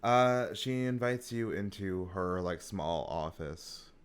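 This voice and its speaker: A man narrating scenes and prompting players as game master, in a relaxed manner. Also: low-pitched, takes it slowly, clean tone.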